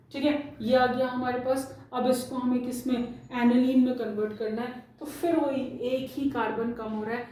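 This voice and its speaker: Woman teacher from India, mellow voice, unhurried drawn-out explanation, faint hum behind. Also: fairly high pitch. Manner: slow, stretches out technical terms while writing. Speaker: chemistry teacher. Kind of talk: classroom lesson mixing Hindi and English. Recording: very echoey room, voice far from mic.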